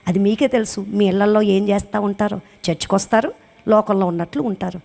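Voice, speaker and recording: A recently widowed woman giving an impassioned testimony sermon to a congregation, rising high and loud on her emphasis and asking many rhetorical questions. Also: steady tone, a little fast, creaky. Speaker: church speaker giving a testimony.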